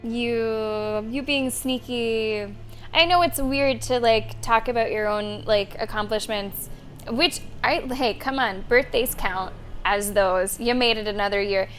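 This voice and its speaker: Woman streaming a game, highish voice, casual and chatty with viewers, faint music behind her. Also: unhurried, fairly bright tone. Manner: chatty, thanks and addresses viewers. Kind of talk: casual live playthrough commentary. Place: voice over game audio.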